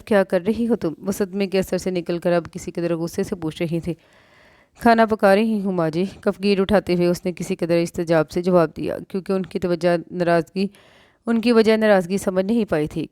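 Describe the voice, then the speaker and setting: A woman with a Pakistani Urdu accent reading a romance novel aloud, voicing every character herself and lifting her pitch for the dialogue. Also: warm tone, no room sound, studio quality. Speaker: novel narrator. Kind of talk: audiobook narration of a romance novel.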